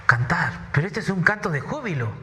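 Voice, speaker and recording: High-pitched guy preaching, sharp bright voice, keeps repeating himself, long church hall echo. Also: sing-song, a little fast, slight background noise. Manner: emphatic preaching with repeated words and rhetorical questions. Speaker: pastor. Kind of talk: sermon.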